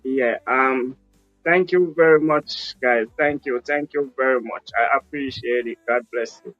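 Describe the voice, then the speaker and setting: A man's voice: medium pitch, measured pace, fairly bright tone, no echo. A man with a Jamaican accent, telling his life story as a guest in a casual patois style and often asking "you understand?". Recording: dull lo-fi call audio with faint music.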